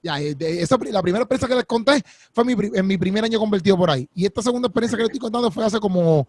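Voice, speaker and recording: Fast, high-voiced man. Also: no room sound, clean studio sound. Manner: quick, animated storytelling with many restarts. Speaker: podcast co-host. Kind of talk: casual podcast chat, storytelling.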